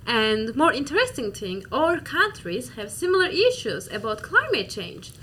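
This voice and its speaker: A woman's voice: a little high, very animated, normal speed, sharp tone, a little hiss or hum. A woman from Turkey with a Turkish accent, reading formal prepared remarks in a student discussion. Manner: formal, recited delivery.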